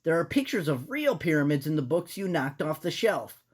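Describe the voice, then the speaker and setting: A woman's voice: low-pitched, big pitch swings, normal speed, breathy edge, exaggerated voice. A woman voicing a cautious, bookish small male mouse with an earnest manner in a children's storybook. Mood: explaining. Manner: earnest, careful.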